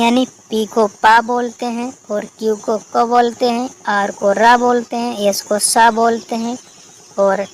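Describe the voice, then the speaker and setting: Slow, patient woman teacher, spelling letters. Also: on the high side, slight background noise, poor audio. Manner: spells out letters and asks herself questions, then answers them. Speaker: English teacher. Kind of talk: recorded lesson for learners.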